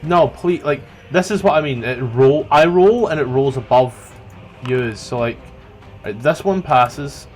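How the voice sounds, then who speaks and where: A man's voice: mid-range voice, a little slow, a little mellow. Joking male game master over background music. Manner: joking, profane. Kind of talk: casual tabletop game narration. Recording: music playing behind.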